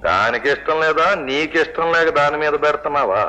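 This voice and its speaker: A man's voice: a little high, lively intonation, fast talker, pushed and bright, low-quality recording. A middle-aged man playing a scheming, wisecracking father in a 1970s film comedy. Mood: mocking. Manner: mocking, wisecracking. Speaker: girl's father.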